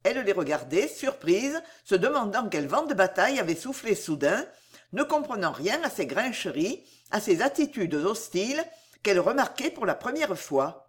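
A woman reading a novel aloud in scripted narration, with expressive storytelling. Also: medium pitch, normal speed, husky. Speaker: audiobook narrator.

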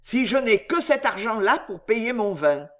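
Hot-tempered proud poet, voiced by a woman reader, declamatory, slow and weighty. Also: very animated. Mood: raging indignation. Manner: indignant, booming, declamatory. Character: proud, indignant man poet, quick to rage.

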